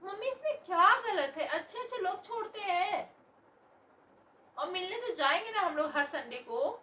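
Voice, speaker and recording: A woman acting as a sulky, defiant young married daughter who whines and brushes off her mother's advice. Her voice is high-pitched, and it sounds roomy and a little far from the mic. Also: expressive, normal speed, pushed and bright, heavily acted. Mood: petulant defiant. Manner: petulant, whining, dismissive. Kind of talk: home family drama acting. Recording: roomy echo, voice from a distance.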